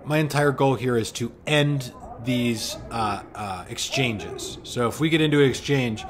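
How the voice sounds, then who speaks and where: A man in his forties, an amateur boxer, commentates a replay of his own bout with a joking, self-deprecating play-by-play. His medium-pitched voice moves at a measured pace over background noise, keeping the fight commentary casual.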